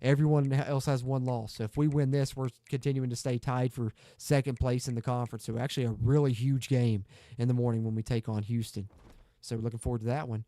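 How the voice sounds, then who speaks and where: A man's voice: medium pitch, flat delivery, brisk, mellow, no room sound, studio quality. A man streaming a football video game, chatting upbeat to viewers as he plays. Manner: chatty, upbeat, talks to viewers while playing. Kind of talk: casual gaming livestream commentary.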